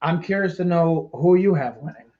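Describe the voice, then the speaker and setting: A man hosting a casual sports podcast, excitable and joking, often getting loud. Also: a little high, normal speed. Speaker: podcast host. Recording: dull lo-fi sound.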